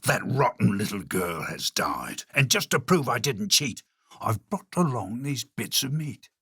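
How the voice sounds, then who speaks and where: A man voicing a gruff, soft-hearted huntsman who mutters in a low voice. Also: very animated, unhurried, no room sound, clean studio sound, full character voice.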